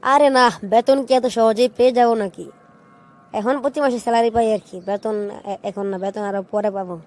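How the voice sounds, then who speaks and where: A woman's voice: on the high side, fairly even intonation, normal speed, a little mellow, close to an everyday voice. A woman voicing a naive young man from a village in a cartoon, talking plainly and matter-of-factly. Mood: earnest.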